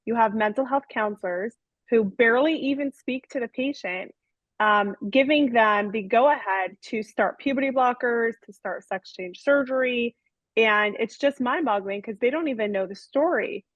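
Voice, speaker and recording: A woman's voice: a little high, normal speed, dry recording. Incredulous woman interviewer, dry muffled sound. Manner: incredulous, emphatic questioning. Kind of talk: conversational interview. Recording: dry, dull lo-fi audio.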